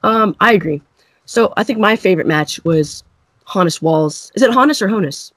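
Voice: mid-range voice, normal speed, a bit bright, no room sound. A co-host in a casual sports chat who thinks aloud hesitantly and often agrees. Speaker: podcast co-host.

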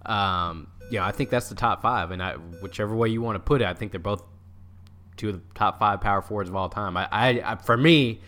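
Man talking sports in a halting, informal way. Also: fairly low pitch, a bit bright, faint music behind. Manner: informal, halting, repeats words while thinking. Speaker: sports podcast co-host. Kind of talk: casual sports chat.

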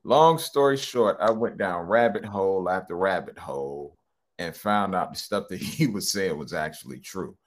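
This low-voiced middle-aged man is a hypnotherapist being interviewed as a guest. At a normal speed, he chats casually and wanders, with plenty of ums and false starts.

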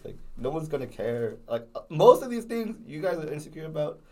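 A man's voice: fairly high pitch, sing-song, fairly quick. Young man with a slight lisp. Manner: rambling, many restarts and fillers. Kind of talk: casual chat.

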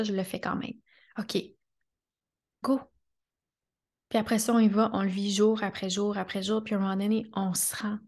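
A woman's voice: mid-range voice, gravelly. A woman with a Québécois accent hosting a motivational podcast, talking earnestly and emphatically, repeating phrases, checking in with her listeners and laughing often. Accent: Québécois French. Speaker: podcast host and coach.

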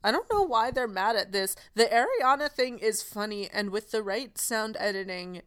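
A woman chatting casually on a podcast, jumping in quickly. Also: mid-range voice, animated, a bit bright, dry recording, studio quality. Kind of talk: casual chat.

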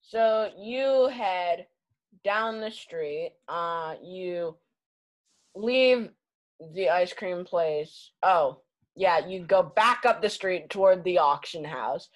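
A woman acting as game master, narrating a tabletop game casually in a halting, improvised way. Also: lowish voice.

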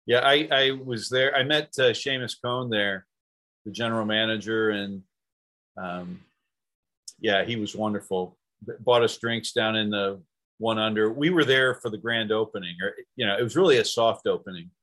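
A man's voice: lowish voice, normal speed, sharp tone. A man hosting a podcast interview, upbeat and enthusiastic as he asks questions. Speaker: podcast host.

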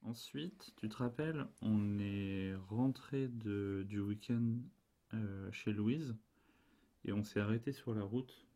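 A man's voice: on the low side, slow pace, warm tone. A man co-hosting a casual family podcast, talking patiently and drawing out answers with questions, sometimes translating English into French. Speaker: podcast co-host and parent. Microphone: desk podcast microphone.

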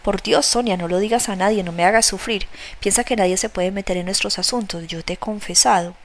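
A woman's voice: mid-range voice, a little fast, natural voice. A woman voicing an impassioned young woman in love who pleads insistently, read from a novel. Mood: pleading.

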